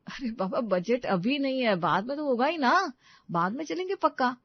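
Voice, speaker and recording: A woman's voice: high voice, expressive, moderate pace, no room sound, lo-fi sound, voice pushed up. A woman doing a mild, pleading young husband. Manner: coaxing, placating tone.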